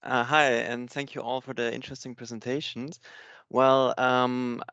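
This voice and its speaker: A man from Austria asking a question at an online conference, halting with many fillers. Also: medium pitch, flat delivery, a bit bright, smooth, no echo, dull audio. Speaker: audience member asking a question.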